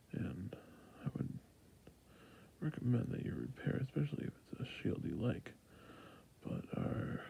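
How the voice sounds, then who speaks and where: In an ASMR roleplay, a man plays a friendly, patient fantasy shopkeeper, his medium-pitched voice a soft, breathy near-whisper with creaky endings. The delivery is heavily acted with a gentle sales manner, and the recording quality is low.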